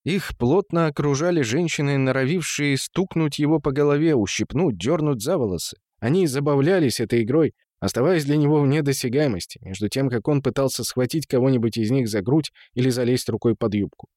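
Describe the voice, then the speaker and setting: A man reading an audiobook in measured storytelling, voicing the characters. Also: medium pitch, a little mellow, dry recording, studio quality. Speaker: narrator. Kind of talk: audiobook narration.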